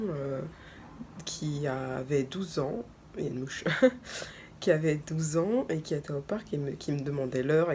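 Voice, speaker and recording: Chatty young woman vlogger, low voice. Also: a little hiss or hum. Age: 20s. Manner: chatty storytelling, laughs often. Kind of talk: casual chat.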